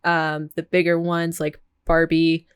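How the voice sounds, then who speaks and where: A woman co-hosting a casual movie podcast, chatty and quick to giggle. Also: low-pitched, completely flat delivery, clean tone, no echo, studio quality. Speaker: podcast co-host. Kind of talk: casual chat.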